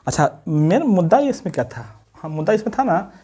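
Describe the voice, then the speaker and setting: A man gives an exam-prep lecture, often coughing and clearing his throat, repeating points and quizzing with tag questions. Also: high voice, very animated, fairly quick, dark tone. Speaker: exam coaching teacher.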